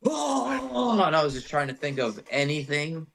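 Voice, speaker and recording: A young man, a metal vocalist guesting on a podcast, telling stories in a casual, animated and profane way, saying "bro" constantly. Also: on the high side, a little fast, a little hiss or hum. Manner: animated profane storytelling, says "bro" a lot. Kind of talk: casual chat.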